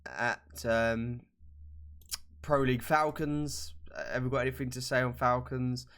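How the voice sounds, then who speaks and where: A man's voice: medium pitch, level tone, a little slow, fairly bright tone, smooth. Male podcast co-host, casual banter, salty language, teasing impressions. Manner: banter-heavy, swears freely, mocks with put-on voices. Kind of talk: casual chat.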